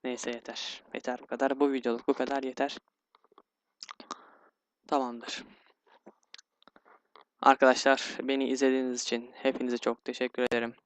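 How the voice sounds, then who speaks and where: A man's voice: medium pitch, level tone, normal speed, pauses often. A man commentating his own gameplay, grumbling and getting easily frustrated, with sighs and yelps. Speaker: gaming YouTuber. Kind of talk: let's play commentary.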